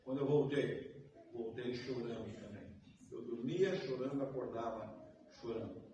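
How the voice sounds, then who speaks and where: A man preaching a sermon as pastor, emotional and rising to shouts, asking the congregation questions. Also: mid-range voice, normal speed, lo-fi sound. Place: church sanctuary. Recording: very echoey room, mic far off, faint hiss.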